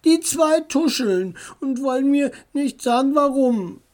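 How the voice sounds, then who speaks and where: A woman voicing an excitable, quick-tempered young boy in a read-aloud children's story. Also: high-pitched, voice pushed up. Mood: sulky.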